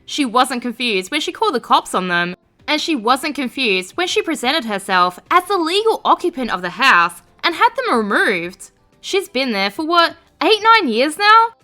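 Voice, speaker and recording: Lively high-voiced woman reading stories. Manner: expressive, sarcastic commentary. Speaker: narrator. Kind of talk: reading reddit stories aloud.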